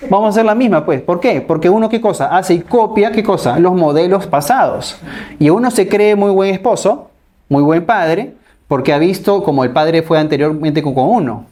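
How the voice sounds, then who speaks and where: A man's voice: sits high, a little mellow. A male pastor, preaching a sermon and keeping his listeners with him through rhetorical questions and repeated tags. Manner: keeps asking rhetorical questions and adding a tag "¿no?".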